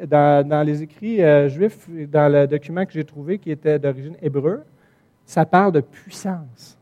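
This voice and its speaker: A man preaching with a Quebec French accent, his voice sitting fairly high yet sounding mellow and warm. He teaches in an animated way, dropping to quiet asides and then rising to loud, insistent emphasis. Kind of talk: sermon teaching from the Bible.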